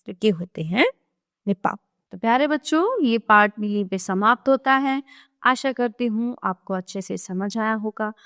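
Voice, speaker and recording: A woman teaching a grammar lesson to children, reading rules and example sentences in a steady, measured way. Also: medium pitch, no echo, clean studio sound.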